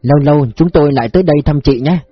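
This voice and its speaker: A man's voice: on the high side, rapid-fire, slightly rough, no echo, muffled recording, faint music behind. A man reading a story, voicing a crude, drunken secret police man who talks coarsely. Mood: slurring. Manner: slurred, coarse.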